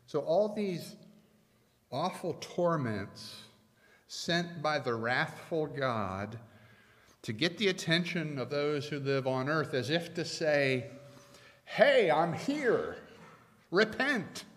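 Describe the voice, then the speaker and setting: A middle-aged man preaching a sermon from a pulpit, measured and emphatic, leaning hard on key phrases. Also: on the high side, big pitch swings, fairly bright tone. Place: church sanctuary at a pulpit. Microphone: pulpit microphones. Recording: long church reverb.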